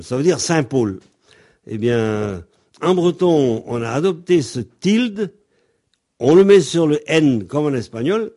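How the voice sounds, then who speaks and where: A man explains pronunciation at a slow, unhurried pace, pausing often on ums and restarts. He spells words out letter by letter like a patient teacher. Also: mid-range voice, mellow. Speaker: Breton language teacher.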